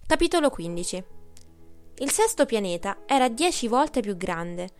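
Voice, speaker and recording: Woman, audiobook narrator, calm measured reading, soft music in the background. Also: fairly high pitch. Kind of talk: scripted narration.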